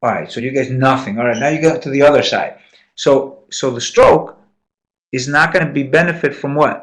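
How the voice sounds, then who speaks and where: A man's voice: mid-range voice, moderate pace, fairly bright tone. A man giving a live medical lecture in a classroom, quizzing students and repeating key points. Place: lecture room.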